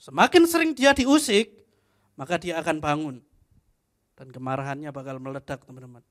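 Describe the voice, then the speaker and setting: High-voiced joking young preacher. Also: male voice, normal speed, a bit bright. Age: young adult. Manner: chatty, joking, frequent tag "ya". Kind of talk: youth fellowship sermon, casual storytelling.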